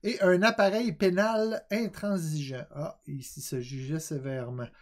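A man's voice: fairly high pitch, steady tone, measured pace. A married man with a Québécois French accent, co-hosting a casual podcast chat, joking and laughing easily as he reads from notes. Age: adult, married. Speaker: podcast co-host.

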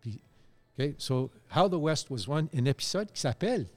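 Animated man telling stories. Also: on the high side, normal speed. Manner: animated storyteller, many fillers and restarts. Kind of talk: casual radio chat.

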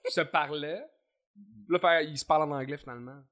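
Québécois guy, talks fast, slightly high bright voice. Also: fairly even intonation, a loud crowd. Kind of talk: casual chat.

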